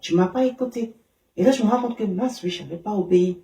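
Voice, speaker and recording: A woman giving an emotional personal testimony in an interview, halting, with many fillers and restarts. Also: mid-range voice, creaky, mellow. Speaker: interview guest. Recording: roomy sound from a distance.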